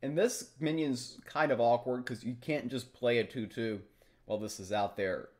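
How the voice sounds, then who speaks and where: A young adult streamer works through a card game indoors in a small home room, reasoning aloud about every move. He keeps a steady tone at medium pitch and a moderate pace.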